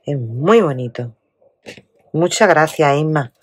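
A woman with a Spain Spanish accent chatting casually as she unboxes a craft parcel, exclaiming and often dropping to a hushed murmur. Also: sits low, expressive, takes it slowly, slightly rough, dry recording. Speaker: craft vlogger.

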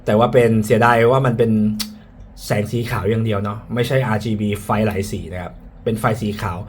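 A man's voice: lowish voice, fairly quick, darkish tone. A man speaking through a face mask, slightly muffled, giving a frank, casual product review and often repeating his points. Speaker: tech reviewer. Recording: clear background ambient noise.

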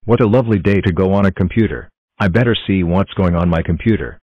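A male text-to-speech voice plays a bossy boy who scolds and accuses in a cartoon. He repeats his words over and over in a very deep synthetic voice. The sound is dry and dull. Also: quick pace, dry recording. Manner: shouting repetitions, scolding.

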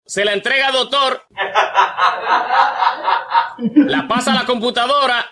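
A man tells a comic story on the radio with lively, chuckling narration. His voice sits high and rings very bright. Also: measured pace, slight background noise. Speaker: joke teller.

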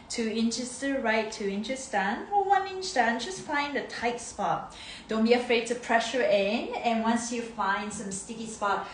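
A Japanese woman in her thirties, a native speaker and movement coach, leads a live-streamed class from her living room with bubbly, sing-song greetings and lots of laughter. Her voice sits a little high. A phone camera films her, first up close and then from across the echoey room, with faint background noise.

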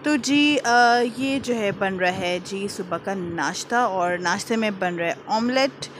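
Speaking slowly in a medium-pitched voice, a vlogger with an Urdu-speaking Pakistani accent chats with her viewers while cooking indoors, moving between kitchen and living room. She's warm and chatty and uses "jī" a lot as a filler. A little hiss or hum can be heard.

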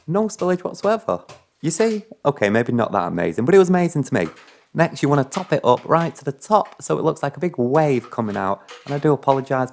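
Male cocktail-show host, middle pitch, gravelly texture, playful chatty recipe narration. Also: a little mellow. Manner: chatty, playful, with apologetic asides. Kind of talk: recipe tutorial voice-over.

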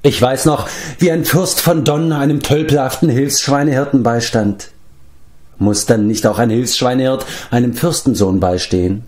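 A man's voice: mid-range voice, moderate pace, a little mellow, close to an everyday voice. A man voicing a humble, loyal young pig-keeper who speaks earnestly, in an audiobook reading.

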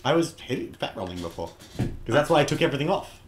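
Lively-voiced man playing a game. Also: mid-range voice, fast, slight background noise. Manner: chatty, laughs often. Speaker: player in a gaming let's play. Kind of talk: casual banter while playing.

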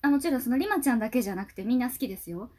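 Woman YouTuber, high and bouncy voice, gushing fan reaction chatter. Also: racing. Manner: gushing, excitable, talks to herself. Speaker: YouTuber reacting to a music video. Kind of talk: casual fan reaction commentary.

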